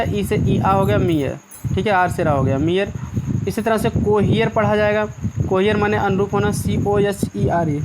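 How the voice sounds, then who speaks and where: Guy teacher, fairly high voice, spells words out slowly, noisy recording with crickets. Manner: slow, repeats rules and spells words letter by letter. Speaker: English teacher. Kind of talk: explanatory lesson.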